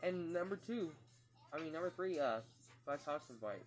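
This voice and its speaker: A man vlogging casually as a cosplayer doing voice impressions, talking in halting short phrases. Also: fairly high pitch, lively intonation, soft background music. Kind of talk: casual chat in character as a cosplayer. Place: small room at home.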